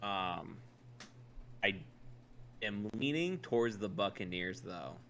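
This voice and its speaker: A man's voice: lowish voice, animated, slow pace, vocal fry, a bit bright, slight background noise. An American man co-hosting a podcast, talking sports in a casual, colloquial way and hedging as he goes.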